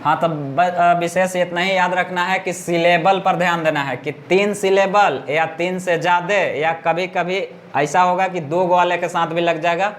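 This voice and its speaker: A male teacher, teaching grammar in class, repeating words slowly and often asking his students whether they understood. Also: sits high, steady tone, fairly bright tone.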